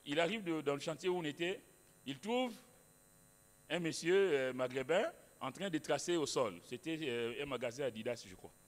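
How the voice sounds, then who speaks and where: A man's voice: a little high, animated, moderate pace. A male pastor preaching a sermon in a church, emphatic, repeating phrases with many restarts. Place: church hall. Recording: long hall reverb.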